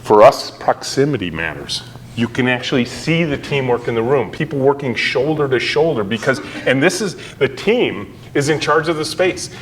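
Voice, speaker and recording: Animated middle-aged man giving a keynote. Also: a little hiss or hum. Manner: animated storytelling, acts out quotes with big pitch jumps. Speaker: keynote speaker. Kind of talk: conference keynote talk. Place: conference hall.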